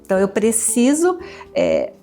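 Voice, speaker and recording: A woman's voice: fairly high pitch, wildly swooping pitch, a little slow, warm tone, faint music behind. A woman educator, a guest in an interview, explaining her method in a patient, teacherly way and repeating examples.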